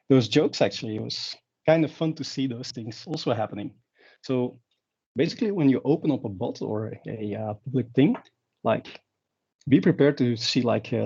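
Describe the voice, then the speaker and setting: Mellow and husky in the mid range, the voice belongs to a Belgian conference speaker who grew up speaking Dutch. His talk wanders, padded with fillers and restarts. It's captured in muffled, lo-fi audio.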